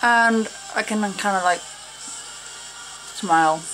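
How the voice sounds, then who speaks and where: A woman talks through a cosplay how-to in a loose, meandering way, with a slight lisp from false teeth. Her voice sits at a middling pitch, and faint music plays underneath. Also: fairly bright tone. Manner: rambling, unhurried, many fillers. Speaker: cosplay tutorial maker. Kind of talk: casual how-to talk.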